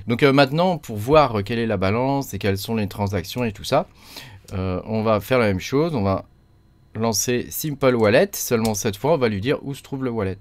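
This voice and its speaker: A man's voice: medium pitch, normal speed. A man talks through a computer tutorial in a casual, chatty way, full of fillers and little tags. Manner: chatty, many fillers and tag "hein". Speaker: crypto mining tutorial host. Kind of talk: casual screen-recorded tutorial.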